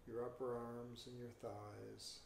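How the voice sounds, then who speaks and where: Male meditation guide, gravelly and flat-toned, slow calm instructions, roomy recording with background hum. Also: medium pitch. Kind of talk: guided relaxation. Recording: roomy with background ambience noise.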